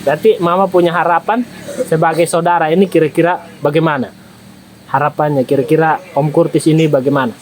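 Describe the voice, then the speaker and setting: Measured East Nusa Tenggara man interviewing. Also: a little high, fairly even intonation. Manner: measured questions with frequent hums. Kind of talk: field interview.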